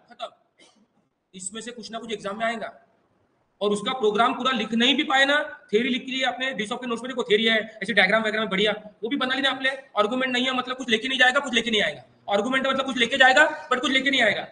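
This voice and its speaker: A man's voice: extremely high pitch, bright, forceful tone, roomy sound, a little hiss or hum, poor audio. A male computer teacher with an Indian English accent giving an exam revision lecture, quizzing his students in call-and-response and coaxing them along. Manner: reassuring and coaxing, addresses students as "beta".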